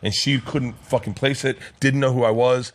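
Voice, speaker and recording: A man in his fifties telling a story in a casual podcast chat, fast, profane and worked up, acting out the people in it. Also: mid-range voice, fairly even intonation. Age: 50s. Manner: fast, profane, worked-up retelling with quoted voices.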